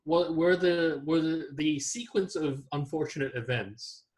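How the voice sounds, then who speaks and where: A man's voice: fairly high pitch, measured pace, darkish tone. A man in casual chat about movies, joking sarcastically and restarting his sentences often. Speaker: scientist discussing movies.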